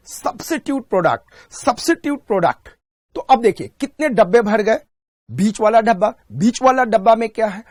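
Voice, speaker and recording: A man teaching an exam-prep class in a recorded online lecture. He drills each point by asking a question and answering it himself, and he slows right down on key terms. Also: high-pitched, no room sound, clean studio sound.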